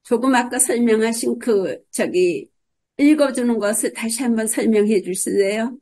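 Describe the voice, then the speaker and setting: A woman student asking the professor a question on a video call, politely and haltingly. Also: fairly high pitch, mellow.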